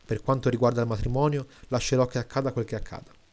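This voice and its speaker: A man's voice: mid-range voice, flat delivery, fast, darkish tone, lightly acted. A man voicing an orderly, rational young woman, the grammarian's daughter, who speaks in a prim, fussy way.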